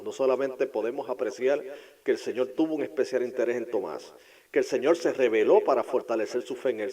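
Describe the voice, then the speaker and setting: A male pastor delivers a sermon at an even, middle pitch. He drops his voice to near-whispers for intimate asides, then builds to loud, fervent proclamations. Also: rough recording. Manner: swings from hushed, whispered asides to loud, impassioned preaching.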